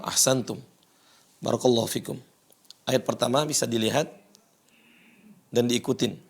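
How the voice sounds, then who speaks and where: Male recitation teacher, mid pitch, slow and patient, chants verses in long drawn-out phrases. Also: vocal fry. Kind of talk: Quran recitation lesson.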